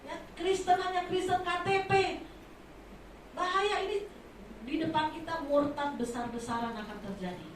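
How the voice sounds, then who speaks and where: A woman preaching a sermon from Indonesia, impassioned, swinging between soft asides and loud exclamations, in a large church hall. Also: high voice, moderate pace, a little hiss or hum. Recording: echoey hall from far off.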